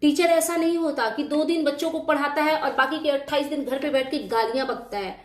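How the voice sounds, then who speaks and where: A woman with a high voice talks through a reaction video, indignant and argumentative. She speaks straight to the person she is criticizing, in casual commentary. The sound is roomy, with a clear echo around her. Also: steady tone, fairly quick. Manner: indignant, argumentative, addresses her target directly.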